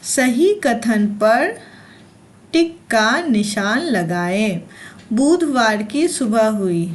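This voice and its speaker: A woman's voice: on the high side, expressive, drawn-out words. A woman teacher reading a lesson aloud to young children, repeating each line and asking then answering her own questions.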